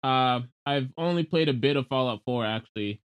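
A man's voice: mid-range voice, normal speed, clean tone. A man co-hosting a podcast in natural, unscripted casual talk, with loose, informal phrasing. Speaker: podcast co-host.

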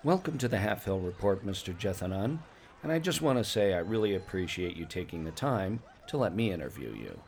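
Man as a low, lively radio news host. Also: brisk, a little hiss or hum. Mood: friendly, polite. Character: earnest, friendly male fantasy radio news host. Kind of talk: scripted mock news broadcast.

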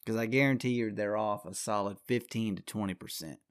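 A man's voice: on the low side, a little fast, clean tone, no room sound, studio quality. A man hosting a podcast alone, ranting in a crude, rambling, combative way with constant swearing. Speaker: podcast host. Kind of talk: profane solo podcast rant.

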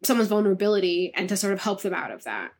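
A young woman from a Moroccan family talks casually as a guest author, peppering her sentences with "like" and asking "right?" as she goes. Her pitch sits in a middle range, and she speaks over a video call. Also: big pitch swings, fast. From Moroccan family, raised in diaspora. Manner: chatty, many "like" and "right?" tags. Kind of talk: casual interview chat.

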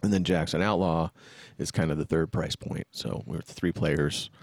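A man's voice: a bass voice, steady tone, normal speed, darkish tone, dry recording. A man in his fifties, a musician and band leader, talking in an easygoing, plainspoken way in casual podcast chat. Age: 50s.

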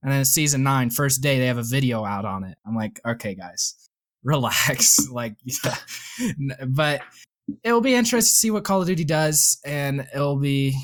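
A young man with a slight lisp hosts a gaming podcast in a loose, casual way. His voice sits at an ordinary middle pitch, and he leans on fillers and easy laughs. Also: animated, normal speed. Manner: laid-back, filler-heavy, laughs often. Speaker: podcast host.

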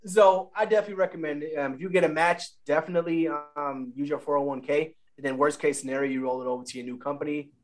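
A man's voice: a little high, steady tone. A man and new father chatting casually about family money, talking loosely and correcting himself as he goes. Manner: fast, loose, self-correcting. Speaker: guest, father.

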